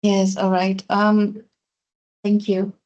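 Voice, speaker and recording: A woman's voice: mid-range voice, monotone, takes it slowly, a little mellow, highs cut off. A woman moderating a hybrid workshop who gives friendly, brief prompts to the room.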